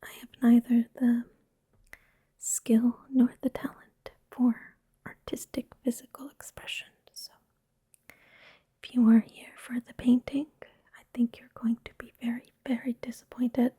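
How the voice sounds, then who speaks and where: A young woman whispers right up against the microphone, her voice airy and husky with almost no tone behind it. She talks slowly and softly, with a flat, even lilt and a mellow, dark color, poking fun at herself as she goes. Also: on the high side, dry recording. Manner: whispered throughout; self-deprecating, chatty aside. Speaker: ASMR creator. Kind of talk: ASMR. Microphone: close microphone.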